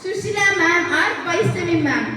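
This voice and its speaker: A woman's voice: very high voice, extremely slow. A woman teacher with a Tamil accent, talking to young children in a classroom and asking them simple repeated questions. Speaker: school teacher. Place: school classroom. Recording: echoey room, far from mic, faint noise.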